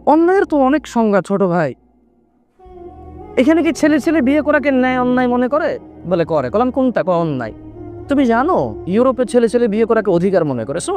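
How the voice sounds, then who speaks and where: A middle-aged man preaching a sermon in an animated way, mixing in English words and acting out little dialogues. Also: very high-pitched. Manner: acts out dialogues in different voices. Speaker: Islamic preacher.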